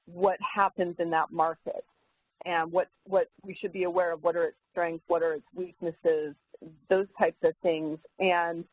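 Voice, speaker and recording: A woman broker speaking frankly and thoughtfully as a guest in a podcast interview, with many fillers and restarts. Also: fairly low pitch. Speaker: commercial real estate broker, guest. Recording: phone-line quality audio.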